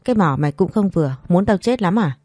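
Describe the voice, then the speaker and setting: A woman's voice: lowish voice, animated, fast, darkish tone, dry recording, clean studio sound, soft background music. A woman voicing a sick young man who still teases sharply. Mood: teasing. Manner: teasing, weak.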